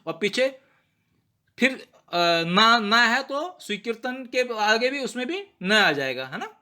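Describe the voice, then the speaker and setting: Bright high-voiced man teaching pronunciation. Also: sing-song. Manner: patient, repeats words slowly and asks rhetorical checks. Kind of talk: explanatory lesson.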